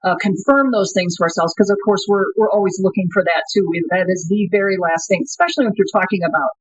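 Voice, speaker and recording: A woman co-founder answers an interview show's questions at a quick pace in a medium-pitched voice, thinking aloud with plenty of fillers and restarts. Her remote-sounding audio is dry, a little dull, with no room sound.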